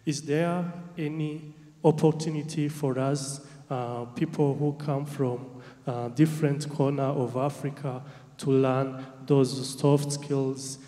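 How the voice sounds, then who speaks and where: A man's voice: mid-range voice, little pitch movement, slow, mellow. A young man from Burundi asking a formal question as a student, hesitant and searching for words. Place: large conference hall. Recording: very echoey hall, long reverb.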